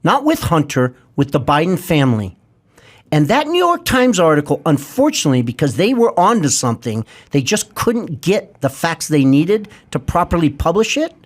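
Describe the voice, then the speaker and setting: A man's voice: a little high, sing-song, normal speed. A man in his fifties, a guest in an interview, speaking in an intense, insistent way with lots of detail. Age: 50s.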